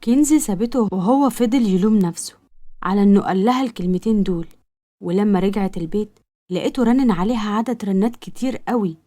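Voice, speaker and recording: A woman with an Egyptian accent narrating a romance story in a brisk, matter-of-fact way. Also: mid-range voice, warm tone. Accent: Egyptian Arabic. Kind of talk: scripted narration.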